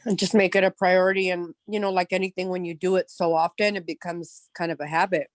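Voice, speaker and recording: A woman with a lowish voice speaks on a team video call, with a dry, close sound. She talks casually and often searches for the right word. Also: flat delivery, fast talker, no echo. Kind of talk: casual group meeting chat.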